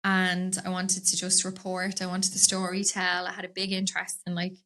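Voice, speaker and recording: A woman's voice: fairly low pitch, monotone, normal speed, pushed and bright. Dublin woman, podcast guest; chatty, rambling, laughs easily, studio mic. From Dublin, Ireland. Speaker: podcast guest, business owner. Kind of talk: casual interview chat.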